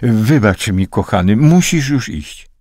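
A man voicing an anxious, flustered young woman in an audiobook, talking fast and pleading. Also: fairly low pitch, animated, darkish tone, no room sound, studio quality, voice pushed up.

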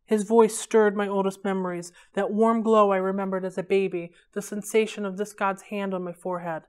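A woman hosting a library read-along, reading a novel aloud in a steady, unhurried way. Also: medium pitch, clean tone.

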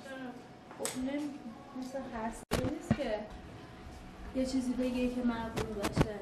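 A woman with a high voice presses with question after question, insistent and unrelenting. She is heard in an echoey room with clear background noise. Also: fairly even intonation. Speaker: documentary filmmaker. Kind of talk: tense negotiation in casual talk.

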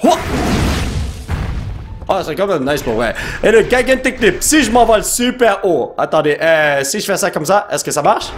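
Excitable high-pitched gamer man. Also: moderate pace, soft background music. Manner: excitable, exclamations and shouts mixed with English slang. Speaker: gaming YouTuber. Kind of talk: live gameplay commentary.

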